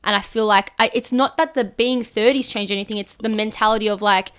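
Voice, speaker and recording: A woman's voice: mid-range voice, fairly even intonation, fairly quick, a bit bright, clear, resonant tone. A woman of thirty co-hosting a podcast in casual chat, giggly and rambling with frequent restarts. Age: 30s. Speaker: podcast co-host.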